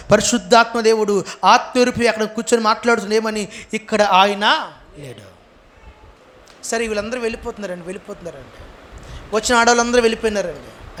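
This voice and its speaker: Man, Telugu accent, pastor, high-pitched, call-and-response sermon. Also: slight background noise. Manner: call-and-response preaching, asks the congregation to answer; acts out quoted lines with a rising, shouted voice.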